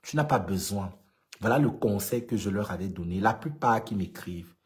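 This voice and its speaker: An LGBT activist from Cameroon, with a Cameroonian French accent, talks casually to followers in a vlog monologue, deep-voiced, expressive and a bit mellow at a normal speed. They speak with emphasis and repeat points to underline them.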